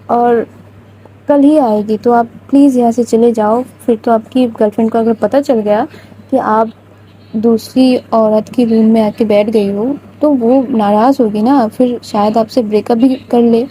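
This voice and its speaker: A woman's voice: on the high side, fairly even intonation, mellow, a little hiss or hum, lightly acted, rough recording. A woman voicing a thoughtful young woman who teases and questions her new girlfriend. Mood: teasing. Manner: teasing, questioning.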